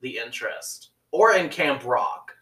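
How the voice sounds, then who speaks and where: A young man co-hosting a podcast in casual chat, teasing dryly and talking haltingly with many fillers. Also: medium pitch, lively intonation, bright, forceful tone. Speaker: podcast co-host. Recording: roomy, mic at a distance.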